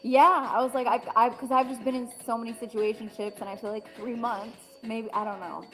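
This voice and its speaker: A woman in her twenties talks as a panel guest in an easy, chatty way, and she slips into the voices of people she quotes. Her voice sits a bit high. Faint music runs in the background. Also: fairly even intonation, a little fast, low-quality recording. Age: 20s. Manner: chatty, acts out quotes while telling a story. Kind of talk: casual chat.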